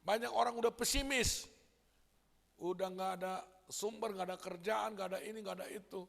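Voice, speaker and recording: A male pastor preaching a lively Sunday sermon, acting out quoted voices and calling the congregation brothers and sisters. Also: high-pitched, fairly quick, creaky. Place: large church hall. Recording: long church hall reverb.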